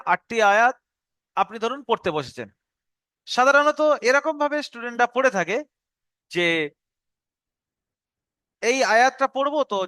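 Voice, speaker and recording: Bright, high-voiced man teaching a lesson. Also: smooth, no echo. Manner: explanatory, repeats instructions, slows to recite verses. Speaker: Quran teacher. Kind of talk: online tutorial lesson.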